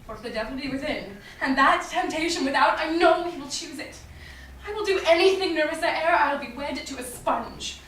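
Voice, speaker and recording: High-voiced witty Portia, played by a woman, in echo. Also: lively intonation, a little fast, a bit bright. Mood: disdainful wit. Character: witty young Venetian heiress, wry and sharp-tongued. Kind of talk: staged reading of Shakespearean comedy. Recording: distant echoey room with faint noise.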